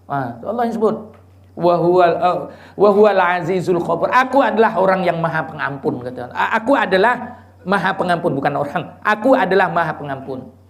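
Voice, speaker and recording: A man preaching a lively, teasing religious lecture in a mosque, quizzing the audience and chanting Quranic verses. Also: high voice, brisk. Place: mosque gathering.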